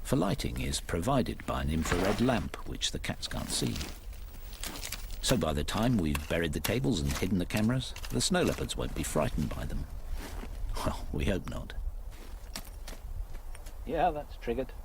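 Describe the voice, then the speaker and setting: A man's voice: low voice, sing-song, normal speed, long pauses. A man working as a wildlife camera operator, explaining things informally in a nature documentary. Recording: clear background noise on location.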